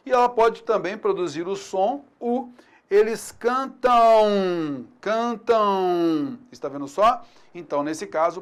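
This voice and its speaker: A man with a Brazilian accent teaching grammar in a recorded online lesson. He talks to the class in an upbeat, informal way and keeps checking in with slang. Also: high-pitched. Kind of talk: recorded online lesson, explaining over slides.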